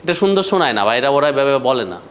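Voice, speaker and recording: A man's voice: medium pitch, very animated, quick pace, slight background noise. A man teaching a grammar class, explaining step by step and asking the students questions. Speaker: English teacher.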